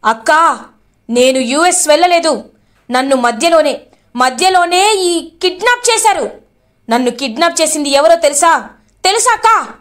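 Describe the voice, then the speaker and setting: A woman's voice: high voice, expressive, moderate pace, pauses often, a bit bright. Woman voicing an angry wronged young man. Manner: emotional, accusing.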